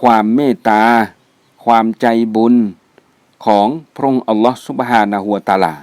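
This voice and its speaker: A man's voice: fairly low pitch, moderate pace, darkish tone, dry recording. A man teaching a religious studies class, reading out Arabic vocabulary words twice each and then giving their meanings. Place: mosque.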